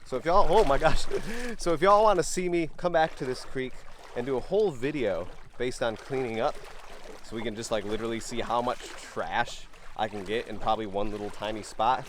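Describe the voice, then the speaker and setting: An American man in his thirties giving casual, excitable and playful commentary to a handheld camera as he hunts for treasure outdoors. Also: mid-range voice, fairly quick, a little hiss or hum. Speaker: treasure-hunting vlogger. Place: outdoors along a wooded creek. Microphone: camera held at arm's length.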